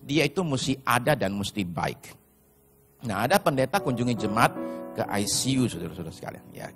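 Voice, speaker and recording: A man preaching a sermon as pastor, telling stories and addressing the congregation directly, sometimes shouting in put-on voices. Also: mid-range voice, big pitch swings, fairly quick, music in the background.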